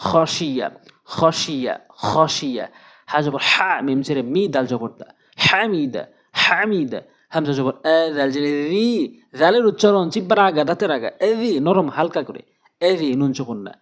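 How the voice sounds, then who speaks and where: Man drilling Arabic syllables slowly. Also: on the high side. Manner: slow, repetitive drilling, repeating each syllable. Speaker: Quran teacher. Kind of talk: spelling drills of Arabic letters.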